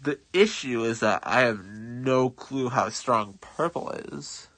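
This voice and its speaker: A man's voice: medium pitch, slow, fairly bright tone, low-quality recording. A man giving playful, mock-dramatic commentary over his own strategy game as a streamer. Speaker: gaming streamer. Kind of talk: gameplay commentary.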